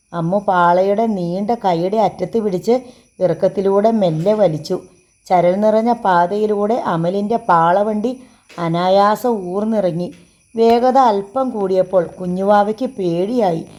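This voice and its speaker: A woman narrating a story for an audiobook in a steady, measured reading. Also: medium pitch.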